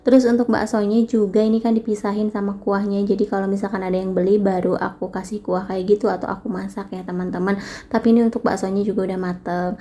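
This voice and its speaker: A young woman talking casually through her home cooking, full of fillers, speaking in a kitchen. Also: fast talker. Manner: chatty, relaxed, many fillers and tag phrases. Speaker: vlogger. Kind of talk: casual cooking vlog narration. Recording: faint background noise and rumble.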